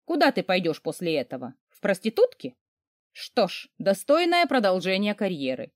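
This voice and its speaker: A woman voicing a harsh, mocking middle-aged mother who scolds loudly. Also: mid-range voice, huge pitch swings, moderate pace, no echo, clean studio sound. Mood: scornful shouting.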